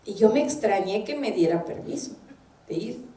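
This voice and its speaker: A woman's voice: medium pitch, lively intonation, normal speed, mellow. A woman minister giving a sermon, telling personal stories and acting out what people said. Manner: anecdotal, acts out quoted voices. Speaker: minister preaching. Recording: echoey room, distant mic.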